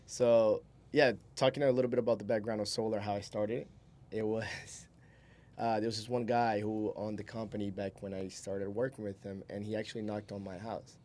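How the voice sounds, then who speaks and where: A man in his twenties from Brazil, who sells solar and is guesting on a podcast, shares his story casually, rambling and chuckling along. He speaks at normal speed with a flat delivery and a dark, lowish voice.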